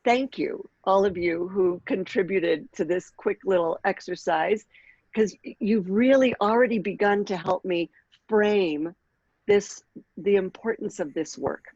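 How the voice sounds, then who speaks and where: A woman in her sixties leading a workshop on aging, speaking in a measured way and clearing her throat now and then. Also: mid-range voice, a little mellow, no room sound, lo-fi sound. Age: 60s. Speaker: workshop leader and author. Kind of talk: workshop talk with read-aloud passage.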